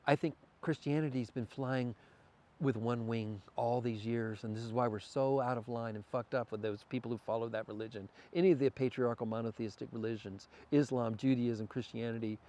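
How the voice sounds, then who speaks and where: A man speaks as a guest in a frank interview, his voice sitting at an ordinary middle pitch. He muses philosophically, working ideas out aloud and restarting phrases as he goes. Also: steady tone, fairly quick, mellow. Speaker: podcast guest. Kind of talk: candid conversational interview.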